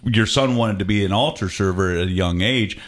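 A man's voice: fairly low pitch, a little fast. A man hosting a radio fundraiser, upbeat and chatty, repeating the call-in number and interviewing guests in the studio. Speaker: radio host.

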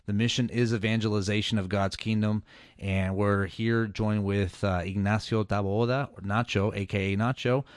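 Male radio host, low voice, filler-heavy, dry studio sound. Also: fairly even intonation, moderate pace, clean tone, no room sound. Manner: filler-heavy, loose delivery. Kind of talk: radio pledge drive talk.

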